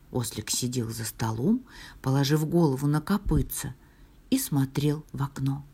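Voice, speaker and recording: A woman reading a fairy tale aloud in a soft, half-whispered, expressive storytelling voice. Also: low-pitched, slightly rough.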